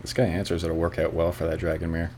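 A man's voice: deep voice, monotone, fast talker, heavy background noise. A man streaming live, chatting casually to viewers and grumbling and swearing when his calls go unanswered. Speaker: streamer making phone calls. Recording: clear music playing behind the voice. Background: music playing.

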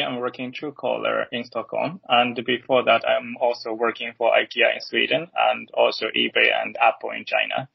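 Male recruiter guest, heavy fry, husky, flat delivery, dry muffled sound. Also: mid-range voice, no room sound. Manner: modest, laughing, simple phrasing. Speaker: guest, talent acquisition partner. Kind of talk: casual podcast introduction.

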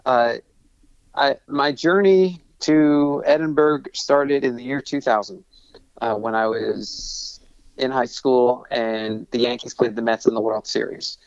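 A man's voice: mid-range voice, fairly even intonation, measured pace, smooth, no echo, muffled recording. A man in his thirties from Long Island, a sports broadcaster, talking enthusiastically with many restarts and fillers. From Long Island, New York. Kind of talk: casual interview talk.

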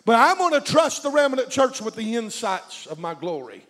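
A man with a Southern US accent preaches in emphatic, punchy phrases. His pitch is on the high side, and the long reverb of a large hall trails his words. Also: big pitch swings, normal speed, fairly bright tone. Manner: emphatic, short repeated phrases. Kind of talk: sermon.

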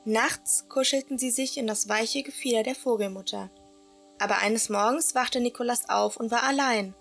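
A woman narrating a children's story for an audio play, in a gentle, expressive storytelling manner. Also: a little high, moderate pace, gravelly, soft background music.

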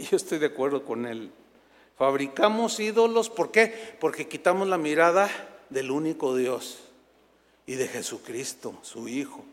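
A man from Mexico preaching a Sunday sermon as pastor, animated and acting out scenes from scripture in quoted voices. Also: on the high side, unhurried, long reverb tail. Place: church sanctuary.

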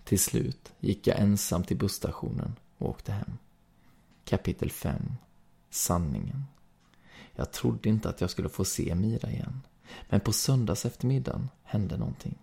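Give me a Swedish man calmly reading a story aloud, husky and low-pitched. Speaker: podcast reader.

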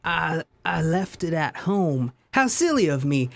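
This is a flustered, bumbling young gent voiced by a woman. He stammers slowly, and his voice rises and falls with a lot of movement. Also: low-pitched, very animated, vocal fry, exaggerated voice. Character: bumbling genteel young gentleman, nervous and vain.

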